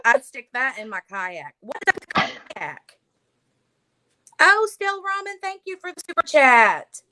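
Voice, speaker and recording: In her home livestream, a woman chats casually, laughs, and reads out viewer comments in a high, bright, pushed voice with big pitch swings. She speaks unhurriedly, and the rough recording has no room sound.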